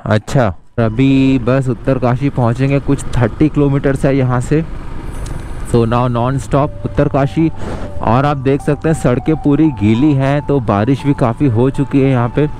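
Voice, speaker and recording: A man's voice: mid-range voice, steady tone, unhurried, dark tone, slight background noise. A man in his thirties, a travel vlogger talking casually to his viewers as friends while riding a motorbike on an outdoor mountain road, recorded on an action camera. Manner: chatty, addresses viewers directly as friends. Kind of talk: casual travel vlog narration. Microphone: action camera on the bike and held at arm's length.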